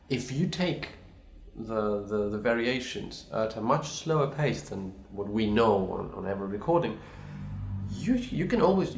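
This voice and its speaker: A pianist who speaks English as a second language records a reply to a video challenge in an echoey room. His answer is thoughtful and hesitant, full of restarts and apologies. His voice is lowish with a darkish tone.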